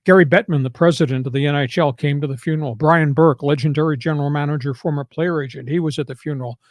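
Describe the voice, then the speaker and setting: An older man hosting a sports podcast in a fairly high voice, punching his points hard and sliding into preachy rants. The sound is close and dry, with almost no room in it. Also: steady tone, fast talker, no room sound. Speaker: sports talk host. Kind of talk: casual sports talk.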